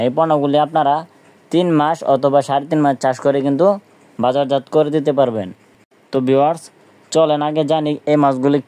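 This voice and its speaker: A man with a Bangladeshi Bengali accent who hosts a fish farming channel, explaining fish farming to viewers and selling fish fry. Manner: steady explanatory address, repeats "viewers"; sales pitch for fish fry. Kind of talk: informal video talk to viewers.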